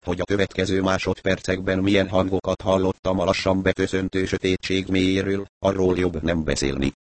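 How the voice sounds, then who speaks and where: A man reading a story aloud as audiobook narrator, with a measured, steady storytelling delivery. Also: deep voice, dry recording. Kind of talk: scripted narration.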